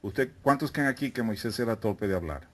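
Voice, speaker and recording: A man's voice: lowish voice, expressive, fairly quick. A man preaching a teaching sermon to a live congregation, often asking questions and calling them brethren. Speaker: preacher teaching a Bible study. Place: meeting room with a live congregation.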